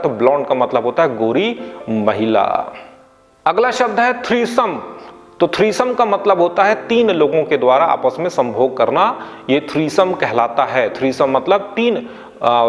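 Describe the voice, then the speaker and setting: A man with an Indian accent teaching English vocabulary in a lesson, announcing each new word on a raised note and then dropping low to sum it up, spelling words out and correcting pronunciation. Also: big-room sound.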